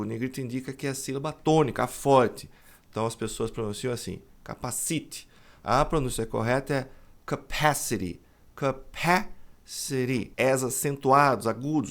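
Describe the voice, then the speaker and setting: Brazilian male English teacher, mid-range voice, patient explainer for an online lesson who keeps checking that the viewer follows. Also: medium pitch. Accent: Brazilian Portuguese. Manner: explanatory, often checks understanding with a quick "right?".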